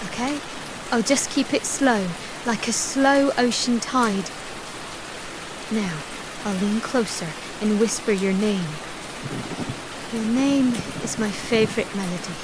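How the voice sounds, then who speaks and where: A woman playing a tender, doting partner in a soft ASMR role-play, speaking in a soothing, intimate, hypnotic manner. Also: on the high side, slow, long pauses, noisy background. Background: rain.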